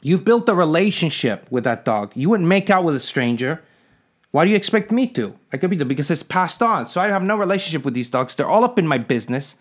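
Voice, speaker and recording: A man speaks casually to the camera in a somewhat high voice. He rambles, sounds indignant and keeps asking his viewers to weigh in. He drops in jokey asides and little chuckles as he goes. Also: sing-song, fast talker. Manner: indignant, rhetorical, asks the viewers for their opinion. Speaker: vlogger.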